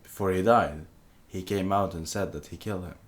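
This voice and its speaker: A young man with a strikingly low, deep voice talks casually about films, and Swedish is his first language. He hesitates a lot, restarting sentences and hunting for words as he goes. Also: fairly quick. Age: young adult. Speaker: podcast co-host, film student. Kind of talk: casual film discussion.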